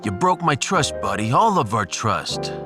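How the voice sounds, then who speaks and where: A wounded blue-collar welder aboard a ship, this gruff New Jersey character speaks in an unhurried, mid-range voice that's very animated yet hurt and earnest. He talks folksy and street-tough, using "buddy" for people. Music backs this sci-fi audiobook performance.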